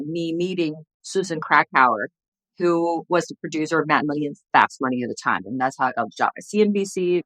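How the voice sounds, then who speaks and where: This guest grew up speaking Chinese in China; in her thirties, she's an entrepreneur who used to be a TV journalist, chatting casually on a video call indoors at home. She speaks with a Chinese accent, earnest and reflective, restarting often, her voice on the low side and a bit bright. The desk-distance webcam audio is dry and low quality.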